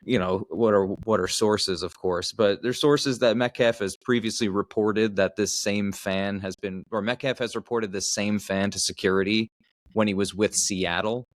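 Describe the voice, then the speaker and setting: Low-voiced co-host guy, dry sound, stammers and repeats himself a lot. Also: fairly even intonation, moderate pace, no echo. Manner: hesitant, stammering with repeated words. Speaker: podcast co-host. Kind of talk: casual chat.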